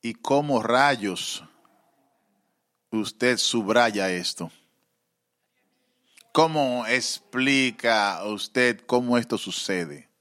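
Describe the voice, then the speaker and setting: A man preaching a sermon, halting with fillers, then rising into fervent, emotional pleas. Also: medium pitch, fairly bright tone.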